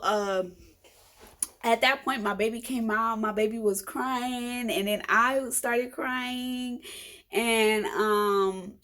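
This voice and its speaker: A woman vlogger telling a story casually to her viewers in a chatty, frank and humorous way, acting out the lines of other people. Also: mid-range voice. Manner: animated, chatty, acts out quoted dialogue.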